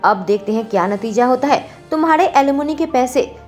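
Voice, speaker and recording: A woman's voice: high voice, lively intonation, normal speed, darkish tone. A woman voicing a rich young husband who speaks sternly and protectively, in a storybook reading, with faint music behind.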